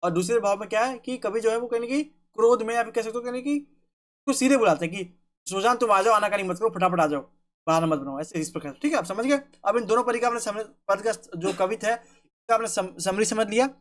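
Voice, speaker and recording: Repetitive male teacher. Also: sits high. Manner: repetitive, checks in with "ठीक है"; recites verse slowly and loudly. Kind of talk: Hindi literature lesson for school students.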